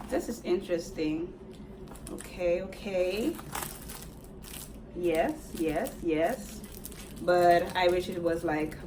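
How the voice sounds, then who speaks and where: Woman beauty vlogger, casual unboxing chat, unhurried and excitable, a bit off-mic with faint room hum. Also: mid-range voice, distant mic. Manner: excitable, chatty, talks straight to viewers.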